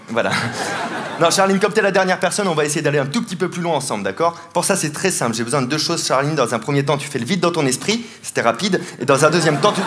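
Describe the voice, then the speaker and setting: A man performing a comedic mentalism act on stage, teasing volunteers and laughing often as he talks. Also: fairly high pitch. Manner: playful, teasing, laughs often while talking. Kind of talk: live stand-up mentalism show. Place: large theatre stage with live audience. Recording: live show with audience noise. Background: audience laughter and applause.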